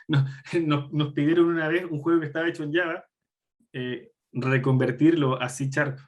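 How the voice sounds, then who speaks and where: A man's voice: a little high, fairly even intonation, normal speed. Blunt man lecturing on game careers. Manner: blunt and frank, wry asides, many fillers. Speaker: guest lecturer on game development. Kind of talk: live online talk answering audience questions.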